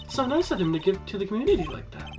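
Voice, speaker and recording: Man voicing a teen girl, excitable, high voice, lively swings, game music behind. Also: very fast. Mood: chirpy. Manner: bubbly, excitable. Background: background music.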